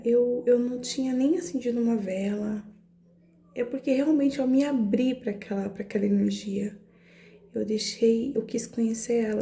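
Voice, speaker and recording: A woman's voice: a little high, gravelly, warm tone, echoey room. A woman with a São Paulo–area Brazilian accent telling a personal story on her vlog, emotional and hesitant, often repeating words. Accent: Brazilian Portuguese, São Paulo area. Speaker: astrology vlogger.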